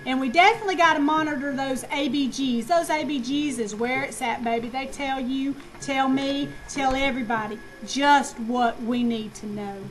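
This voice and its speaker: A woman with a high, bright-sounding voice lectures a nursing class in a lively, slangy way. She fires questions at the students and answers them herself. The recording carries clear background noise. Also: normal speed, hardly any pauses, low-quality recording. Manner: animated, slangy, asks and answers own questions.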